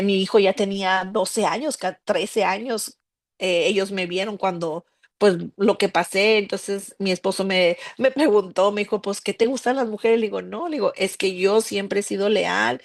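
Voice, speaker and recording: A middle-aged woman from Mexico, telling her personal religious testimony in an earnest storytelling way and repeating words for emphasis. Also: mid-range voice. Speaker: testimony speaker.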